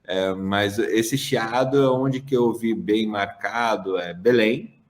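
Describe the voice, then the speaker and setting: A man's voice: fairly low pitch, takes it slowly. A man hosting a podcast in a casual, chatty way, introducing guests and joking with them. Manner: chatty, lively, with laughs and restarts. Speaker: podcast host. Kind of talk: casual chat.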